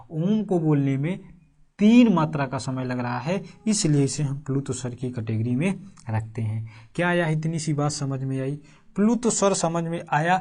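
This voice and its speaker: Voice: medium pitch, darkish tone. Exam-prep teacher, repetitive drilling delivery with rhetorical check-up questions. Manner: drills key phrases word by word, repeating them slowly; keeps asking the class rhetorical check-up questions. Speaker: Hindi teacher for exam preparation. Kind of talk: online exam-prep lesson.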